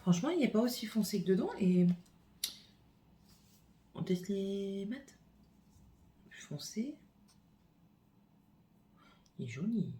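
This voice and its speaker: A woman talks through a makeup haul in a relaxed, chatty way, thinking aloud as she unboxes and swatches each product. Her voice sits at a middle pitch for a woman. It is recorded on a phone at home, with a faint hiss of noise underneath. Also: slow pace, pauses often. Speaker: beauty vlogger. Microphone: phone camera.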